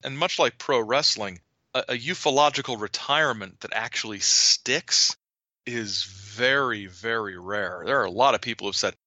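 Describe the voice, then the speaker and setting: An author appearing as a podcast guest chats casually, rambling through stories and often repeating words as he begins a sentence. His voice sits on the low side with a sharp tone and moderate pace. The lo-fi audio has no room sound.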